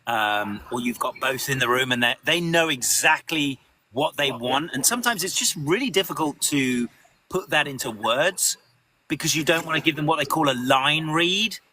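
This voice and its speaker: A man, a voice actor, answering questions in a live interview, animated and full of restarts. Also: on the high side, normal speed, a little hiss or hum. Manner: animated, lots of restarts, acts out quotes.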